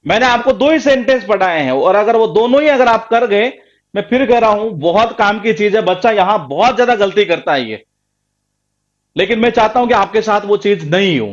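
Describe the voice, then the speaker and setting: Emphatic high-voiced male grammar teacher. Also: animated, brisk, dull audio. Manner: emphatic, repetitive, quizzing students. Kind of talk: live online class lecture.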